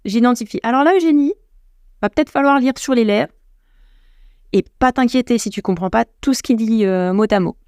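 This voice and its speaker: Chatty French woman with a creaky voice. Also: on the high side, a little fast, darkish tone, no echo, studio quality. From France. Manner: chatty, addresses listener directly, many restarts. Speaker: podcast host, English coach. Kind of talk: casual advice talk.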